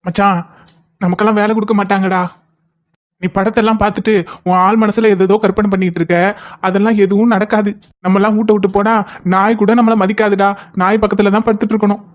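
A man's voice: sits high, flat delivery, close to an everyday voice. A man voicing a jittery young cartoon buddy. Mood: anxious. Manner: fretful, fast complaining. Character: anxious young male friend, easily panicked. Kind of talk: cartoon voice acting.

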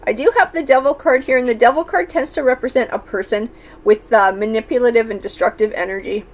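A woman with a slightly high voice lays out tarot cards one by one. She talks thoughtfully, pausing on fillers and starting phrases again as she reads. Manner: thoughtful, with many fillers and restarts. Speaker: tarot reader. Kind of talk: tarot card reading.

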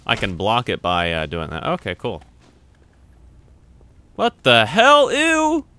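In a dry recording, a young man with a medium-pitched voice talks slowly but with huge swings in pitch. He's playing a video game on camera, chatting casually in let's-play fashion, reading on-screen text aloud, and cursing with loud yelps when startled.

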